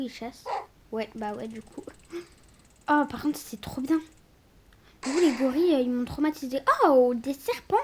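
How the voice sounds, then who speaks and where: A woman giving casual let's-play commentary indoors at night. She bursts into loud exclamations and drops into hushed, whispered asides. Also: sits high, a little hiss or hum. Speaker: gaming video creator.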